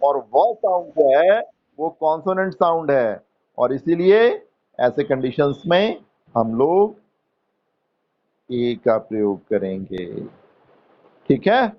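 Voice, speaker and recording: A male teacher with an Indian accent talks unhurriedly, prompting pupils and walking them through grammar rules. His voice sits a little high for a man. The classroom recording sounds dull and lo-fi. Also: big pitch swings. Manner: slow, coaxing teacher prompting students to answer; explains grammar in Hindi mixed with English terms. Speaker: English teacher. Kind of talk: classroom lesson.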